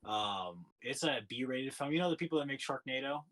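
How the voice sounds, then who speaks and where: A man's voice: mid-range voice, expressive, moderate pace, a bit bright. A man in his twenties from California, chatting casually as a podcast guest, laughing often and full of fillers. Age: 20s. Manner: laid-back, laughing often, lots of fillers. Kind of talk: casual chat.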